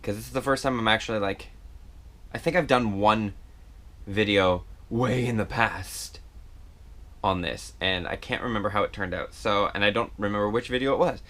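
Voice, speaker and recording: A man's voice: fairly low pitch, normal speed, fairly bright tone. Man filming a makeup tutorial at home, loose chatty delivery with fillers, pokes fun at himself. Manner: chatty and self-deprecating, rambling with fillers. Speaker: makeup vlogger. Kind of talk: casual makeup tutorial chat. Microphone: action camera.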